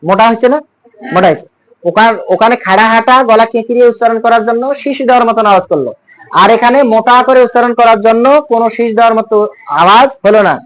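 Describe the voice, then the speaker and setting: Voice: mid-range voice, fairly bright tone, slight background noise, poor audio. A teacher, giving a classroom lesson on speech sounds, explaining patiently and quizzing students with repeated terms.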